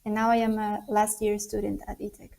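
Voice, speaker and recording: A woman's voice: medium pitch, monotone, fairly quick, gravelly, warm tone. A woman from Costa Rica, a final-year engineering student, introducing herself plainly. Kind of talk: live online interview.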